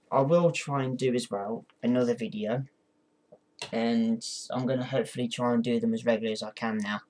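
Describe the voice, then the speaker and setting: A man's voice: medium pitch, darkish tone. A man talking casually through an instructional vlog, hesitant and apologetic, with encouraging words for his viewers. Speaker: amateur ventriloquist giving a tutorial.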